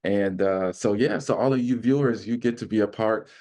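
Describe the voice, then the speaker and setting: Enthusiastic low-voiced man from Arizona. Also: normal speed, darkish tone. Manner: enthusiastic, storytelling, exclamatory. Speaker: community minister. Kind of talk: casual podcast chat.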